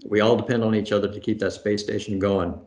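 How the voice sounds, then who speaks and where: A middle-aged astronaut guest with a voice on the low side answers questions over a video call webcam from a room at home. He's relaxed and thoughtful, pausing often with fillers and restarting his phrases.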